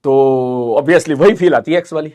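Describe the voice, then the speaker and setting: A man with an Indian accent teaching physics in a live online class, reading out student messages in a fast, chatty, encouraging way. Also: fairly high pitch, dark tone.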